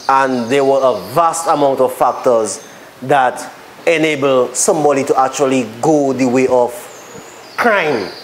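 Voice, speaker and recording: A man's voice: medium pitch, slight background noise, poor audio. A man with a Dominican accent leading a panel discussion, earnest and stumbling over words as he makes his points. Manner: earnest, restarts often. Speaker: panel moderator.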